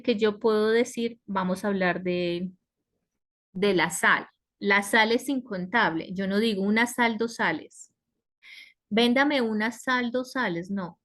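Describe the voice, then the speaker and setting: A woman teaching an English grammar lesson in a web conference, explaining patiently and checking in with her students. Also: medium pitch. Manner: slow, explanatory, asks "¿sí?" and "¿cierto?". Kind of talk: online class lecture. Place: video call.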